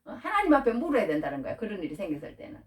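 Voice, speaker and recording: A woman preaching a Bible-teaching sermon, animated and full of rhetorical questions, acting out quoted prayers. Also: medium pitch, racing, recorded from a distance. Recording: echoey room, voice from off-mic.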